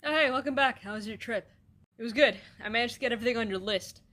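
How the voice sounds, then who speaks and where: A woman acting out comedy sketches, swearing casually and bantering in a deadpan way. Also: on the high side, quick pace. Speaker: sketch comedy creator playing all roles.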